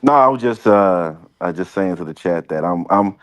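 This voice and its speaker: A man co-hosting a gaming stream while sick, his voice deep and sultry from a sore throat, laid back and saving his voice. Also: expressive, normal speed, no room sound. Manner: laid-back, talks sparingly. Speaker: co-host. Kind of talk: casual chat.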